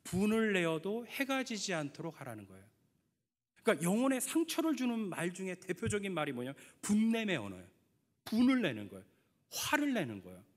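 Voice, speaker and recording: A man's voice: high-pitched, huge pitch swings, a little fast. A middle-aged male pastor preaching an emphatic sermon, putting questions to the congregation and telling stories from his family. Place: church sanctuary. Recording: long church hall reverb.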